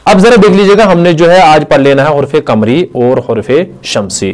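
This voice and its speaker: A man teaching an Arabic lesson, explaining step by step and repeating words and letters slowly for his students. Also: a little high, a little mellow. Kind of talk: classroom lecture.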